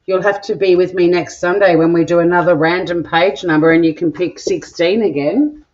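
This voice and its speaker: Cooking live in her own kitchen, this Australian vlog host in middle age banters with viewers, reads their comments, and swears now and then. She speaks at normal speed in a low-side, steady, slightly mellow voice, and the home audio is dull and lo-fi.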